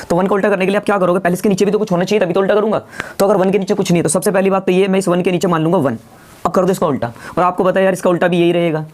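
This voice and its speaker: A man teaching a math lesson online, often asking the listeners quick questions that he answers himself and calling them guys. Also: sits high, darkish tone. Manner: rapid, quizzes listeners with rhetorical questions.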